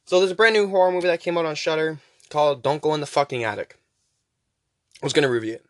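Male podcaster with soft, w-like Rs. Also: fairly high pitch, fast talker, no room sound. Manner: weak R sounds, pronounced close to W; chatty, urging listeners on with repeated phrases. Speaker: podcast host. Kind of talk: casual rambling podcast talk.

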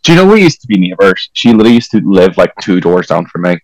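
Portuguese-accented male guest, low-pitched, animated and giggly, dry close mic. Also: quick pace, no room sound, poor audio. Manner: animated, bursting into laughs and high exclaims. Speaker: podcast guest, drag performer. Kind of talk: casual chat.

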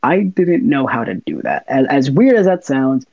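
A young man, a university student, chatting as an interview guest, soft-spoken and quick to laugh as he acts out little scenes. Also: medium pitch, wildly swooping pitch, creaky, dry recording, lo-fi sound. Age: young adult. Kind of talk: casual interview chat.

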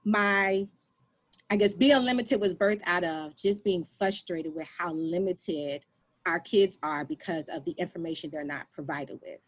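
A woman who is a guest on a podcast and founded a nonprofit, telling her story in an animated way with frequent fillers. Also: lowish voice, unhurried, rough recording. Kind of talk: casual podcast conversation.

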